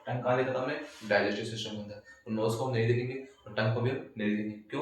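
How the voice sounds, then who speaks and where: Man lecturing in a very echoey room. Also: mid-range voice. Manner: repeats points and quizzes listeners with questions. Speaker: teacher. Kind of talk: recorded class lecture. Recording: very echoey room, voice from a distance, faint noise.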